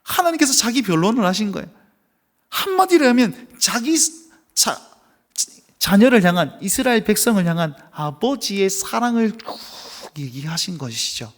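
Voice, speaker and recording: Male preacher with a high, lively delivery; emphatic and theatrical at the pulpit. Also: moderate pace. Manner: emphatic, dramatic preaching that acts out voices. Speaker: pastor. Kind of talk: sermon. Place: church prayer service.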